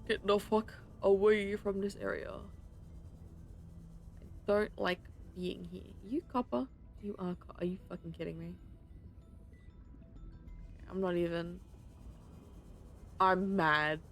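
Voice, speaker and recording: A woman's voice: medium pitch, fairly even intonation, unhurried, vocal fry, long pauses, a little mellow, soft background music. A woman streaming a video game, talking to herself in casual commentary, often frustrated and swearing.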